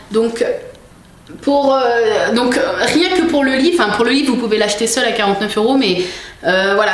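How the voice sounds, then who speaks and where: A young woman chatting casually in a vlog, showing things to the camera with many fillers and restarts. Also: fairly high pitch. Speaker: vlogger. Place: room at home. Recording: echoey room with faint noise.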